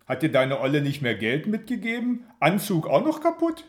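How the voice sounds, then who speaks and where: A brash, chummy football fan in a storybook, played by a male narrator, bellowing mocking banter in a raised, lively voice. He sounds loud and boisterous, with his pitch leaping around. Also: normal speed.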